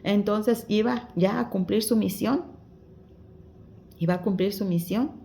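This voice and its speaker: A woman's voice: mid-range voice, measured pace, creaky, warm tone. A woman giving a devotional Bible explanation, exhorting her listeners as dear ones in simple, conversational preaching. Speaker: Bible study teacher.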